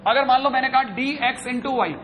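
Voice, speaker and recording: A male math teacher with a high voice talks through a classroom lecture. He is brisk, chatty and teasing. Faint background noise runs under him. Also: fairly bright tone.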